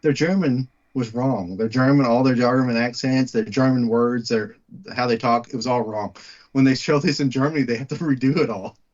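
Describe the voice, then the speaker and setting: A man's voice: medium pitch, normal speed, darkish tone, highs cut off. A man with a West Texas twang chatting casually about film, emphatically stating his opinions and rephrasing his points. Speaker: movie podcast co-host.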